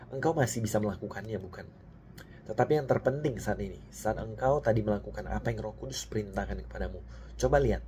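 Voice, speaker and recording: A man giving a devotional sermon, reading scripture and speaking earnestly to the listener, dropping softly for quoted prayers. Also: on the low side, slight background noise. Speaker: preacher.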